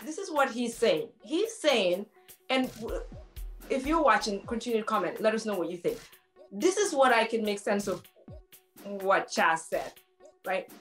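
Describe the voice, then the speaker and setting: A woman's voice: medium pitch, expressive, measured pace, a bit bright, soft background music. A woman co-hosting a casual talk show, chatty and playful, laughing often and talking straight to viewers.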